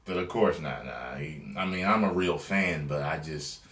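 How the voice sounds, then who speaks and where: A man's voice: rumbling low, moderate pace, reverberant. A man giving a casual, profane, rambling review of a movie trailer, acting out scenes as he goes. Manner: animated, rambling, acts out scenes in voices.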